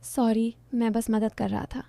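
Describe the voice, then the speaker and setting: A teasing, protective young man in a romantic audio story, voiced by a woman narrator. The voice sits a little high and mellow, and it is recorded close and dry. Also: flat delivery, a little slow, creaky, no room sound. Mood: playful.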